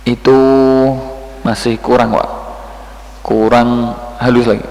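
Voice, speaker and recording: Recitation teacher, slow and patient, in an echoey hall. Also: male voice, mid-range voice, flat delivery, vocal fry, darkish tone, soft background music. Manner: slow, patient, demonstrates sounds and chants verses. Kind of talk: tajwid correction lesson.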